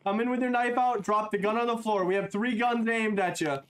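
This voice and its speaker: A man's voice: sits high, steady tone, brisk. A man playing a police captain in game voice chat, barking commands with mock-stern cop bravado. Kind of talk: in-game voice chat role-play.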